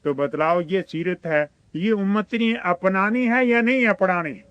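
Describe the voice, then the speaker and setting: A man's voice: high voice, a little slow, fairly bright tone, clear, resonant tone, no room sound, dull audio. A man with an Urdu-speaking Pakistani accent giving a religious sermon, asking his listeners rhetorical questions and quoting Arabic scripture. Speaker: religious teacher.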